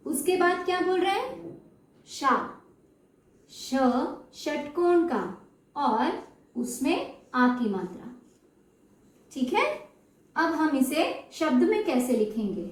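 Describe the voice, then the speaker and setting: A woman with a high voice teaches children, speaking slowly and stretching out syllables to model their sound. She keeps checking that they follow along. The recording is roomy and echoey, with her voice set back from the mic. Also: sing-song. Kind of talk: slow explanatory lesson. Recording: echoey room, mic at a distance.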